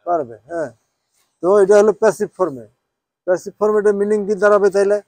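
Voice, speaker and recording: High-voiced man teaching a class. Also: quick pace, warm tone, dry recording. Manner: checks with students, asks "হ্যাঁ?" often; switches between Bengali and English, spells Arabic out. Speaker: Quran teacher. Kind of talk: informal class lesson.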